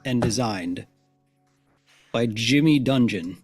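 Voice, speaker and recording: A man acting as game master, talking slowly and haltingly with fillers as he opens the session. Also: medium pitch, expressive, music in the background. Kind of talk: tabletop game narration.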